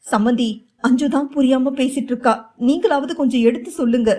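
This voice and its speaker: A woman's voice: sits high, a little fast, mellow. A woman voicing a scheming, pushy middle-aged mother-in-law in an audio novel, pleading emotionally.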